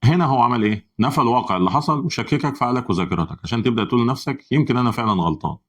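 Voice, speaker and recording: A man with an Egyptian Arabic accent presenting a psychology channel in scripted explainer narration, with brisk, even, instructive delivery. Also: mid-range voice.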